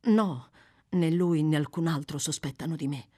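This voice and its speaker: A woman voicing a frightened young woman of the streets, speaking in an urgent, bitter hush. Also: deep voice, normal speed, breathy edge. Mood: tense.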